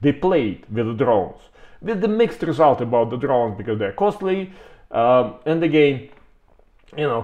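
Speaking into a webcam, a man representing his company gives a casual rundown of its products. His voice is medium in pitch and darkish; he keeps stopping to reword and repeats words for emphasis.

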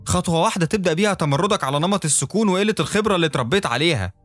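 A man's voice: lowish voice, racing, faint music behind, close to an everyday voice. A man voicing a young woman who confronts her former lover, speaking with an Egyptian accent and pleading, then heated reproach. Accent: Egyptian Arabic.

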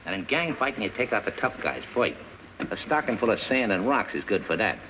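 An actor playing a hard, cynical gangster with a New York accent in 1930s film style. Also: male voice, on the low side, big pitch swings, brisk. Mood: hard, instructive. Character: hard, cynical gangster coaching street kids. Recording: noisy, muffled 1930s film soundtrack.

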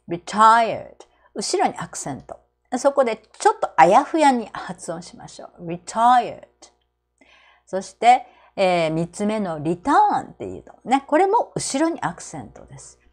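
Animated Japanese woman teaching English. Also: medium pitch. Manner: explains slowly, models English phrases very slowly. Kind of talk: English lesson for seniors.

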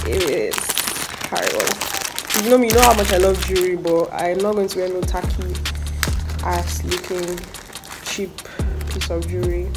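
A woman's voice: mid-range voice, vocal fry. Chatty woman vlogger. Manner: chatty, blunt, swears casually. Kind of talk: casual unboxing vlog. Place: at home.

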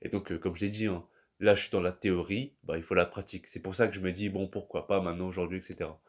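A man's voice: sits low, steady tone, fast talker. A young man, talking casually and at length to his viewers in a loose, slangy monologue that often trails off. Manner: slangy, rambling, addresses the listener as "tu". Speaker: vlogger.

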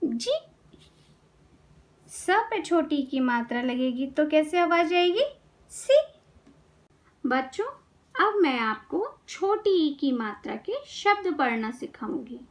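A woman's voice: high voice, lively intonation. A young woman teaching children to read, drilling syllables and words with questions she answers herself. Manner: slow, sing-song drilling with repeated questions and answers.

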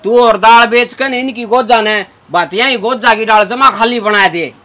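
A young man acts out a brash Haryanvi bus conductor in a comedy sketch. His voice is very high for a man and bright, with a forceful edge. He talks in a scolding, sarcastic way, full of mockery. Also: moderate pace. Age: young adult. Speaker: comic actor. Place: inside a parked bus.

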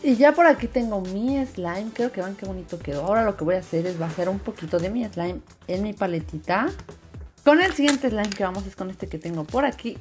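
A woman giving a casual step-by-step craft voice-over, repeating words for emphasis. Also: fairly low pitch. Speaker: host of a slime craft channel. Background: background music.

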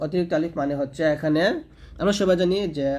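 A man's voice: fairly high pitch, fairly even intonation, fast talker, warm tone. A man teaching Quran reading rules in a patient tutorial, repeating points and demonstrating recitation. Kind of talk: explanatory tutorial lesson.

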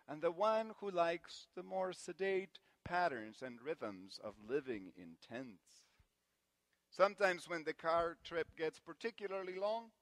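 A man's voice: a little high, no echo. Man from Guatemala preaching with dry sound. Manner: warm anecdotal storytelling with gentle self-deprecating humor. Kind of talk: sermon with personal storytelling.

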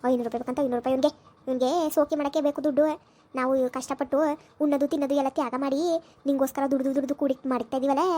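A woman doing a fierce village mother in a comedy skit, high-pitched and rattling off scoldings at speed. Her voice is dark in tone and full of sharp rebukes. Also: natural voice. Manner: scolding, shouting insults, rapid-fire.

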